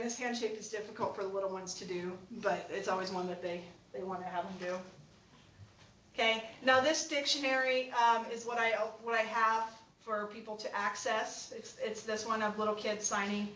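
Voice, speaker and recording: A woman's voice: fairly high pitch, a bit bright. A young adult woman, a college instructor, giving a chatty, informal classroom lecture with frequent laughs and restarts. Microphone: distant room mic. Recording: echoey classroom from far off.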